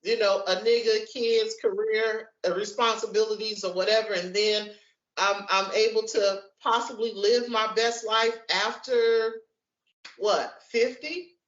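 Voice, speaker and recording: A woman's voice: fairly high pitch, steady tone, unhurried. Frank woman in her forties, echoey lo-fi. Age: 40s. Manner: frank and conversational, repeats words as she thinks. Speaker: podcast co-host. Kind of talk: casual podcast discussion. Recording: lo-fi echoey room audio.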